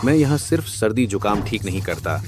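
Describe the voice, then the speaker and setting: A man voicing a boastful street quack doctor who hawks cures loudly, in a dubbed drama. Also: lowish voice, expressive, fairly quick, lightly acted. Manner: hawking, loud. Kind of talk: Hindi-dubbed short drama. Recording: voice over music. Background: music.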